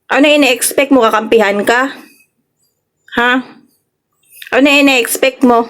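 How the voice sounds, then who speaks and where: Woman, Filipino accent, vlogger, reaction commentary, scolding, confrontational, rhetorical questions, slightly high pitch. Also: steady tone, measured pace, fairly bright tone. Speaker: vlogger reacting to online drama.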